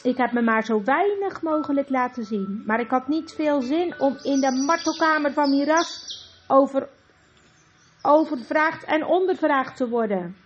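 A woman's voice: sits high, expressive, a little slow, a little hiss or hum, pitched above the performer's own voice. Woman doing a breathless old tutor. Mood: explaining. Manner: polite, courteous. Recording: dull lo-fi with faint music.

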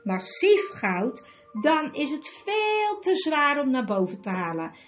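A woman voicing a bold, quick-witted young boy in a storybook reading, urgent and commanding. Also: high-pitched, very animated, soft background music, voice pushed up, full character voice. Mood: thoughtful.

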